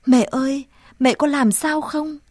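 A woman doing a high, earnest young boy. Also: steady tone, unhurried, no room sound, studio quality. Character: earnest young boy caring for his sick mother.

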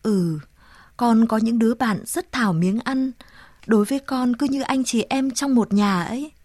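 A woman reading aloud and voicing a frail, dying mother who speaks in a weak, sighing hush. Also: on the high side, moderate pace, no room sound, studio quality, close to an everyday voice. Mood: tender.

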